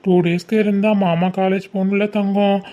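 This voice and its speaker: A woman voicing a young male uncle, a college student, who gently coaxes his niece. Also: medium pitch, level tone, moderate pace, muffled recording, natural voice. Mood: coaxing. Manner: soothing, coaxing, repeats "okay?".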